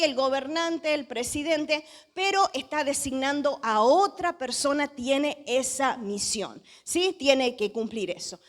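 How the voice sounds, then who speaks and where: An Argentine woman pastor preaching a sermon, telling a story with lively rhetorical questions to the congregation. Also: high-pitched. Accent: Argentine Spanish.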